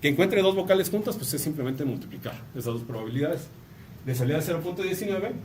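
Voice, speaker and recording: A Mexican university lecturer speaks rapidly in a fairly high voice, giving a relaxed, chatty academic talk in Mexican Spanish. He tags his points with a quick questioning "no?" and slips in jokes. He sounds a little distant from the mic, with a faint hum of room noise.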